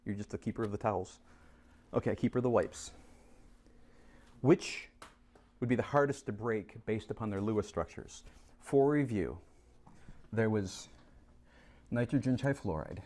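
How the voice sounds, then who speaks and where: A man's voice: on the low side, moderate pace, long pauses. A man teaching a chemistry class, coaxing and teasing students as he goes over review problems. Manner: lively, teasing, coaxes students to answer. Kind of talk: classroom lesson.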